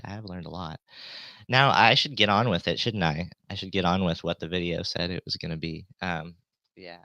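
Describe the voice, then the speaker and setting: A man with a deep yet bright voice explains things live in a rambling way. He hesitates, trails off and restarts his thoughts. The sound is dry, with a light low-pass filter on the voice. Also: vocal fry, no room sound, muffled recording. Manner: hesitant, trailing off, self-interrupting. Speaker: live streamer and synth tutor.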